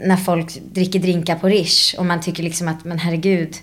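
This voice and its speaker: Actress, female, lowish voice, reflective interview guest, animated storyteller, mixes in English. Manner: drops English phrases into her speech. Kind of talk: casual interview chat.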